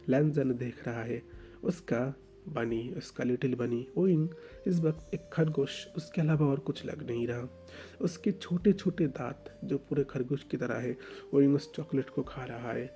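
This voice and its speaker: Deep-toned male storyteller. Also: unhurried, mellow. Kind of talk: fan fiction story narration.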